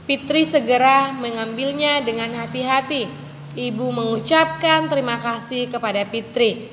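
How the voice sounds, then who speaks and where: A woman teacher with a high, bright voice talks young pupils through a lesson, coaxing and gentle, calling them dear. She sometimes acts out a child's requests in a squeaky voice. Her voice rings with a long hall reverb over faint room noise. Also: normal speed. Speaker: primary school teacher.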